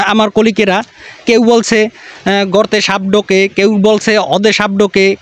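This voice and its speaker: An earnest contestant, played by a man, telling his office story in plain, everyday speech. His voice is on the high side for a man and stays simple and direct.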